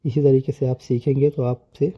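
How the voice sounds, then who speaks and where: A man's voice: mid-range voice, level tone, moderate pace, husky, no echo, dull audio. A man teaching English letter sounds in Hindi, patient and repeating each sound several times. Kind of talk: slow, explanatory Hindi lesson.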